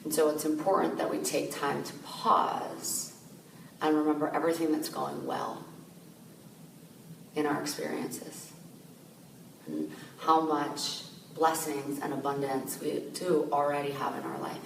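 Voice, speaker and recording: A woman with a low, gravelly voice leads a gentle guided meditation, unhurried and soothing. She sounds a little far from the mic in an echoey room, with clear ambient noise behind her. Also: level tone. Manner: gentle, slow, soothing guidance with soft fillers. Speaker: meditation teacher.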